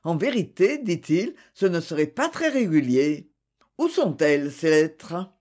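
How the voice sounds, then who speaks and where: Reader voicing a measured older prosecutor. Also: mid-range voice, very animated, darkish tone. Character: composed middle-aged male prosecutor.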